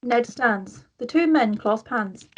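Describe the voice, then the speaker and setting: At a table read, a woman reads screenplay directions in a scripted storytelling style, her slightly high voice breathy and husky. She speaks slowly with lively intonation, and the recording sounds muffled.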